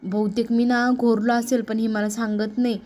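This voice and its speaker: A woman's voice: fairly high pitch, little pitch movement, moderate pace, dark tone, a little hiss or hum, lightly acted. A woman voicing an anxious young husband who keeps worrying aloud and nagging with the same question. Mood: fretful. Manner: worried, nagging, talking to himself.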